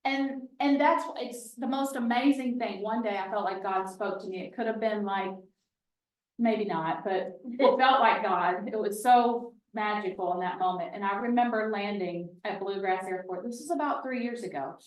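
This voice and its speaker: A woman giving a lively real estate training talk to a room, folksy and emphatic, with chatty asides. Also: medium pitch, normal speed, distant mic. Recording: roomy, from off the mic.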